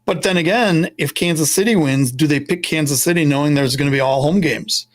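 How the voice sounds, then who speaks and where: A man guest on a sports podcast who talks in an animated way and acts out what others said. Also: fairly high pitch, fairly quick. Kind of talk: casual sports chat.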